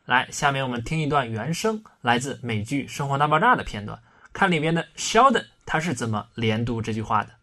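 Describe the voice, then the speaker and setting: A man teaching English pronunciation in a recorded online lesson. He explains in a playful, colloquial way and slows down to exaggerate his English examples. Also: mid-range voice, animated, bright, forceful tone.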